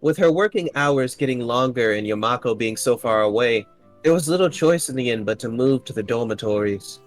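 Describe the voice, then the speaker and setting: A man reading the lines of a gentle, polite young woman in a calm, soft-spoken way, close to his own voice. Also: medium pitch, a little fast, soft background music, natural voice.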